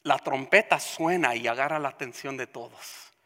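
Emphatic preacher, bright voice, lingering hall echo. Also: medium pitch, moderate pace. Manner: emphatic, repeats phrases, swings from loud to hushed. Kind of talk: sermon. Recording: long hall reverb.

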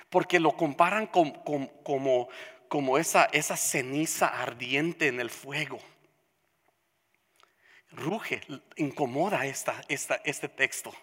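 Emphatic preacher, bright voice, lingering hall echo. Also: mid-range voice. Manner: emphatic, repeats phrases, swings from loud to hushed. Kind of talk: sermon. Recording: long hall reverb.

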